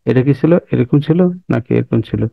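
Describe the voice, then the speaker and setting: Fast, gravelly male tutorial instructor. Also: medium pitch, no room sound, phone-quality sound. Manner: repetitive, checks in with listeners often. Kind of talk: screen-recorded software tutorial.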